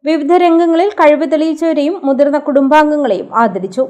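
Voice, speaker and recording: A woman giving a formal, even news voice-over report. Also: sits high, a little fast.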